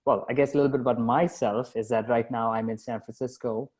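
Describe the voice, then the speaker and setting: A man's voice: medium pitch, steady tone, a little fast, darkish tone. A man who grew up in Dubai, a company founder answering interview questions in a chatty, self-deprecating way with lots of fillers and restarts. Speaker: company founder and CEO, guest. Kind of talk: casual interview conversation.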